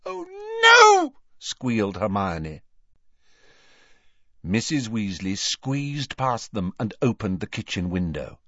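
Male audiobook narrator, deep and slow-paced, expressive intonation, dry slightly lo-fi recording. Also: dry recording. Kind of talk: scripted storybook narration.

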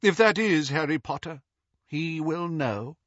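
A man's voice: a little high, animated, a little slow, fairly bright tone, dry recording, muffled recording, pitched above the performer's own voice. Narcissa, a man doing a cold haughty lady. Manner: cold, imperious. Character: cold, haughty aristocratic woman.

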